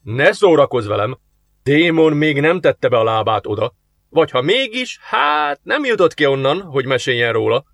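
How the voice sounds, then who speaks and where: A man's voice: fairly high pitch, sing-song, creaky, a bit bright, no room sound, heavily acted. A man voicing a sardonic, cocky male demon in human guise, talking in a mocking, sarcastic way for an audiobook.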